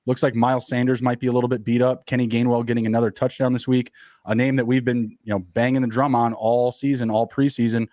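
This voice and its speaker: A man co-hosting a casual fantasy football podcast, rattling off stats quickly with plenty of fillers. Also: mid-range voice, flat delivery, darkish tone, no room sound, clean studio sound. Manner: quick, upbeat, stat-heavy talk with fillers. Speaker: podcast co-host.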